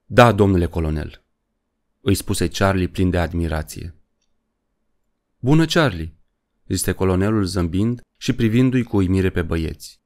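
Man doing eager young boy, curious, lifted higher voice, audiobook. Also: animated, pauses often.

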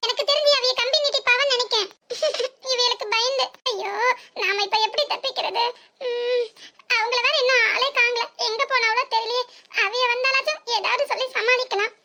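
A flustered young village woman in a comedy cartoon, acted by a woman, muttering complaints in quick asides with a southern Tamil lilt. The voice is shrill, set well above the performer's already very high pitch, and sounds a little off-mic. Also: fairly even intonation, pushed and bright, a little hiss or hum, heavily acted. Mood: exasperated. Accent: southern Tamil village speech. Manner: fast grumbling asides, complaining.

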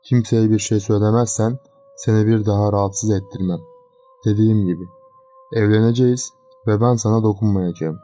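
A cold, menacing young fiancé, as a male narrator puts him on for a horror storybook, with a low, dark voice. He speaks in a flat, cool, threatening way, and faint eerie music sits behind him. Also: fairly quick, lightly acted.

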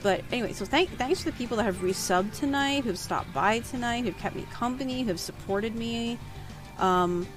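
A woman's voice: fairly high pitch, normal speed, music in the background, low-quality recording. A woman hosting a casual crafting livestream, talking in a rambling, chatty way with frequent restarts. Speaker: livestream host. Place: home crafting stream.

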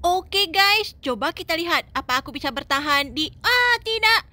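A woman hosting a children's gaming video, chatting to viewers in an excited, playful way. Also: very high-pitched, moderate pace, no echo. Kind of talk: playful game commentary for children.

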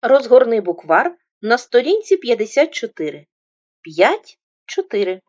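Slow, lively woman teacher for little kids. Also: fairly high pitch, no room sound, muffled recording. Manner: slow, drawn-out sound-by-sound enunciation. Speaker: primary school teacher. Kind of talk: reading lesson for young children.

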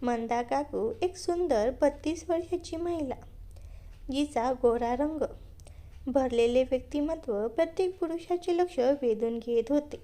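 Brief: woman storyteller, high voice, mellow tone, steady scripted read. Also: a little slow.

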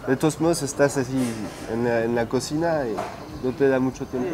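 In a noisy restaurant dining room, a French man in his twenties answers interview questions as a chef, speaking Spanish with a French accent. His mid-range voice moves at a moderate pace, and he sounds hesitant, using many fillers.

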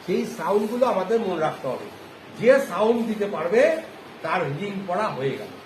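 A man with a very high, sing-song voice teaches a phonics lesson to a class. He keeps putting questions to the students and stretches out each answer slowly. The classroom echoes, and background noise is clearly audible.

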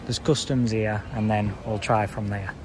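A man's voice: on the low side, fairly even intonation, moderate pace. A man, telling a travel story in a casual, chatty way on a travel vlog. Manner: chatty, storytelling, dialect grammar. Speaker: travel vlogger. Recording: noisy travel ambience behind.

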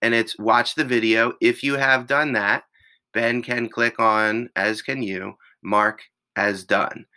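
A male teacher with a raspy voice, patiently walking students through an online classroom step by step. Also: medium pitch, fairly even intonation, bright, forceful tone, rough recording. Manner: slow, patient step-by-step explaining. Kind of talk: screen-recorded class tutorial.

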